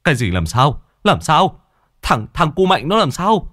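A man's voice: fairly high pitch, big pitch swings, a little slow, a bit bright, no echo, studio quality, voice pushed up. A man voicing a frantic, grief-stricken old grandfather who cries and pleads in a spoken horror tale. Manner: crying, pleading, muttering.

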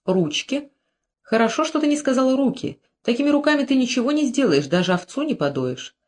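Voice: high voice, sing-song, brisk, a little mellow, voice pushed up. A reader voicing a timid, naive young scribe. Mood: wondering. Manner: wondering, fearful. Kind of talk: audiobook character voice.

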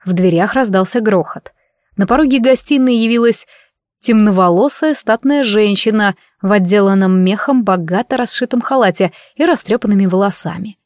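A woman narrating a first-person fantasy audiobook in a wry, lively storytelling manner, close to the mic. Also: medium pitch, normal speed, no echo.

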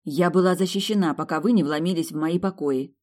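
A reader voicing a feisty young woman who snaps back with quick, indignant retorts in an audiobook. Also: medium pitch, lively intonation, dark tone, pitched above the performer's own voice, lightly acted. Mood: stubborn. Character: feisty young woman, sharp-tongued bride candidate. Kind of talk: audiobook character reading.

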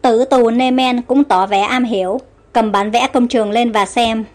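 A woman narrating a storybook, reading every character's lines herself in a mostly even voice. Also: a little high, moderate pace, soft background music. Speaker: audiobook narrator.

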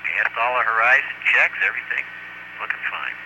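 A man's voice: mid-range voice, fairly even intonation, brisk, bright, forceful tone. A man, an astronaut in orbit, giving clipped, matter-of-fact status reports over a crackly air-to-ground space radio link. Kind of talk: terse mission radio exchange. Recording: muffled lo-fi radio with faint hiss.

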